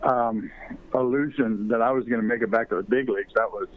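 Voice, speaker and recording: A man's voice: mid-range voice, steady tone, fairly quick. An older man, a former ballplayer and author, telling rambling baseball stories with many fillers as an interview guest. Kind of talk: storytelling in a podcast interview. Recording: tinny phone line.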